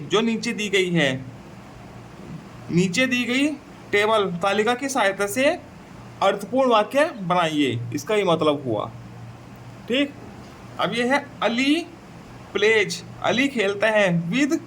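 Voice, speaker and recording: A man with a Hindi accent teaching an English textbook lesson, repeating "theek hai" and reading English sentences slowly before translating them. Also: sits high, a bit bright, slight background noise, poor audio. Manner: slow and repetitive, says "theek hai" often.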